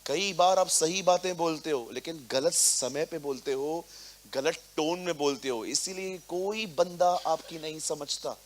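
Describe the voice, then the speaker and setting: A man preaching a sermon to a congregation, swinging between quiet, mocking asides and loud, emphatic proclamation, and mixing English words into his preaching. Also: a little high, unhurried, a little hiss or hum. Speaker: pastor. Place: church service before a congregation.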